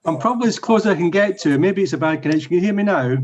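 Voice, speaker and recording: A man speaking as a council housing delivery head, his voice coming through muffled and bass-heavy over a bad video-call link. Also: expressive, rapid-fire, noisy background. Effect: muffled, bass-heavy sound over a bad video-call link. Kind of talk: remote remarks at a council meeting. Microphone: laptop on a video call.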